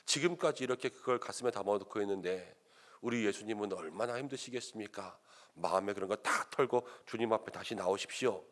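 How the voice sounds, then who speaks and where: A man's voice: fairly low pitch, brisk. A male pastor telling a story in a sermon, acting out the voices of the people in it. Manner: animated, acts out quoted voices of others. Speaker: senior pastor.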